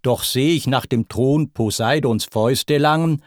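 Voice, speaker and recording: A man's voice: medium pitch, unhurried, no echo, clean studio sound, close to an everyday voice. A man voicing a cyclops smith god in a spoken verse epic, sly and falsely modest. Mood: mock-humble. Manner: sly, mock-humble.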